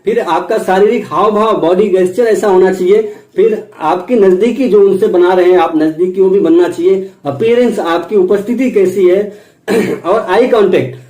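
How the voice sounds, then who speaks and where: A man giving a spoken lecture on sales technique, going through his points one by one and slowing down for quoted English phrases. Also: high voice, darkish tone, echoey room, poor audio. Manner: explains points step by step, mixes in English phrases spoken slowly. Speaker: sales and motivational trainer.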